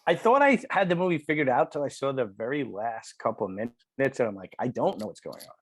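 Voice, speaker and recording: A man's voice: medium pitch, animated, a little fast, slightly rough, dry recording. Long Island man, dry close sound. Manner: enthusiastic, self-deprecating, swears casually. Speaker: podcast host. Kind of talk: casual podcast chat.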